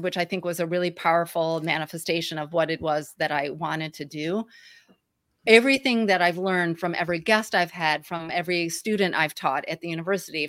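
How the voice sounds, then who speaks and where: A lowish-voiced woman talks in a twangy American Midwestern accent, recorded close and dry. She is a guest in a casual interview, speaking informally and with expressive emphasis. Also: dry recording. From Michigan, US. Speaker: guest, author.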